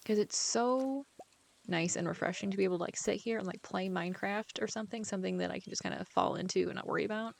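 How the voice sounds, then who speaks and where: A quick, gravelly woman's voice at medium pitch. The speaker, an author, chats casually while playing a farming game, rambling between thoughts with lots of "like" and occasionally dipping almost to a whisper.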